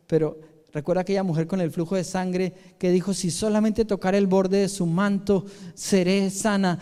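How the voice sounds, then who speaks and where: A Colombian man preaching from the pulpit in a high yet mellow voice. He tells the story with animation, with emphatic repeats and quoted voices. A long reverb trails each phrase, as in a church hall. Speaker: pastor. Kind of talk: sermon.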